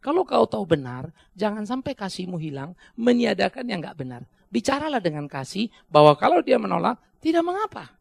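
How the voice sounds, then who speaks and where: A male pastor giving a sermon in a conversational, animated way, with humor. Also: high-pitched, brisk, vocal fry, slightly rough, dry recording, clean studio sound.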